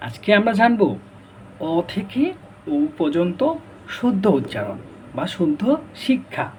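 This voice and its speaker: Man, high voice, teacher, repeats each sound for pupils, patient, faint noise behind. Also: big pitch swings, a little slow, a little mellow. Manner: explains patiently with questions to the class. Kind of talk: pronunciation lesson.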